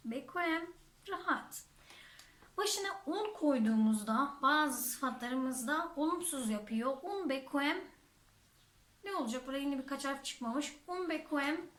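A woman's voice: high-pitched, fairly bright tone. A woman teaching a vocabulary lesson, saying each word twice and then translating it. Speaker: German teacher. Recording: echoey room.

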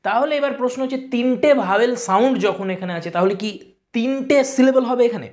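A man teaching an exam-prep lesson, patiently explaining step by step and sounding out words slowly. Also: very high voice, darkish tone.

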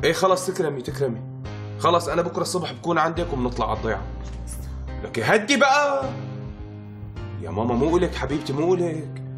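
A man's voice: a little high, racing, natural voice. A man playing a grumbling Syrian husband. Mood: soothing. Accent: Syrian Levantine Arabic. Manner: grumbling, exasperated. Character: grumbling young husband, tired of social outings. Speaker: husband in a comedy sketch. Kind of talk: sketch acting. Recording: background music under dialogue.

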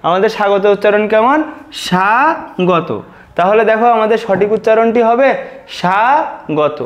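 A man's voice: high voice, steady tone, fast, muffled recording. A man teaching a lesson, patiently repeating words and breaking them into syllables. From Bangladesh. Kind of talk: spoken exam-prep lesson.

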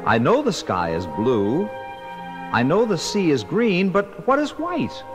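Eager, wide-eyed sea captain for a children's record, read by a male narrator, lively pitch. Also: measured pace, long reverb tail, over music. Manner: earnest and wondering. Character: eager, naive male ship's skipper.

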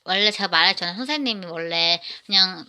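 A woman's voice: lowish voice, quick pace, sharp tone. A woman narrating a personal story in the first person, rambling and often restarting her sentences.

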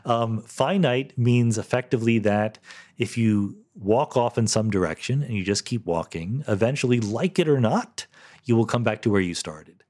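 A middle-aged podcast host answers listener questions alone in a casual, thoughtful explanation, often correcting himself mid-sentence and laughing lightly. His voice is medium-pitched, expressive and darkish, at normal speed.

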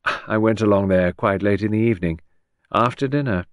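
A man's voice: on the low side, normal speed, no echo, clean studio sound, close to an everyday voice. A man voicing a composed young woman under suspicion, cool and lightly mocking, in an audiobook. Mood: defiant. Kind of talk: audiobook character voice.

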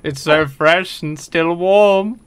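A man voicing a taunting male villain in a game, reading the lines slowly in a mocking sing-song way. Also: fairly high pitch. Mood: gloating. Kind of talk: reading game dialogue in a put-on voice.

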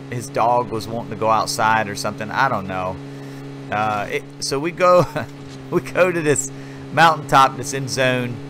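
Background noise runs under a man of medium pitch as he talks viewers through his gameplay footage. He's a gaming channel host, keeping the commentary relaxed, chatty, and rambling.

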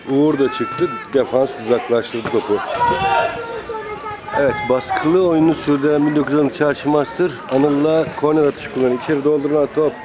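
A man giving live football play-by-play in clipped phrases, calling out player names. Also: mid-range voice. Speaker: football commentator. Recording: crowd noise, outdoor amateur match. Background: outdoor crowd.

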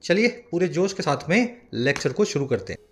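A man teaching as an English tutor, lecturing a class on a newspaper article with energy and reading English lines slowly. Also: fairly high pitch. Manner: energetic teacher, explains words slowly, reads English aloud slowly.

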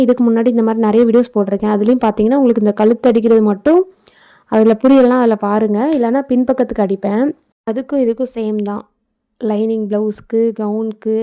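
A woman's voice: fairly high pitch, lo-fi sound. A woman giving a casual, explanatory voice-over for a sewing tutorial, with chatty asides. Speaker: tailoring channel host. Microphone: phone.

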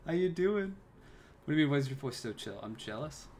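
A young male streamer chats casually and keeps his voice low so he doesn't wake anyone, greeting viewers as bro and my man. His pitch sits mid-range, and gunfire from the game comes through clearly behind him. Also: racing, slight background noise. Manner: keeping his voice down so his wife can sleep. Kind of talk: live gameplay stream chat. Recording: game gunfire audible in background.

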